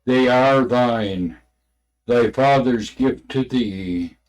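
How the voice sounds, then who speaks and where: A man with a medium-pitched, slightly mellow voice reads aloud from a religious book, going extremely slowly. His reading is unrehearsed and halting, broken into short phrases, with stumbles over the words and occasional asides.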